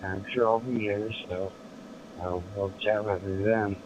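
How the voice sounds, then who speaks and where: A man's voice: on the low side, fairly even intonation, unhurried. A man chatting casually over two-way radio as an amateur operator. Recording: dull radio link, faint noise.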